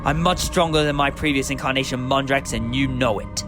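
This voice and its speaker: A man's voice: mid-range voice, a little fast, close to an everyday voice. A man playing a heroic, commanding time traveller in a fan sci-fi audio drama, with a theatrical delivery. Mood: defiant. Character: heroic, indignant time-travelling alien adventurer, male. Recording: music behind the voice.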